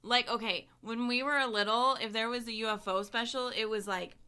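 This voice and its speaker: A woman's voice: a little high, fairly even intonation, moderate pace, sharp tone, clear, resonant tone. A woman in her thirties co-hosting a podcast, chatting casually and leaning on "like" as she talks. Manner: chatty, many "like" fillers, laughs often. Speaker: podcast co-host. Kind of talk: casual chat.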